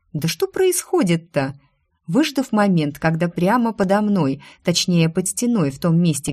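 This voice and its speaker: Woman reading a fantasy audiobook, lowish voice, dry close sound, wry and lively. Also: no echo. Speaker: audiobook narrator. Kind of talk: first-person fantasy narration.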